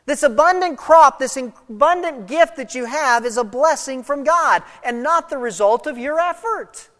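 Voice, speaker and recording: Animated pastor with a cough, sermon with chatty asides, heard in a hall with long reverb. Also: high-pitched, normal speed. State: coughing from allergies.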